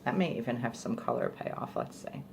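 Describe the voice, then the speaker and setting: A woman's voice: very deep voice, huge pitch swings, brisk, creaky, background noise. A young woman chatting casually through a product review, rambling with fillers like "like" and "you know". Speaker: beauty vlogger.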